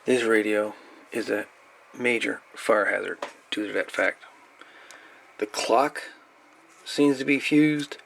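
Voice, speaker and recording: Working on a radio at his indoor bench, a male hobbyist presenter explains the repair casually and plainly, without a script. His fairly low, fairly bright voice has vocal fry, and he goes slowly with frequent pauses. A noisy amateur camera made the recording.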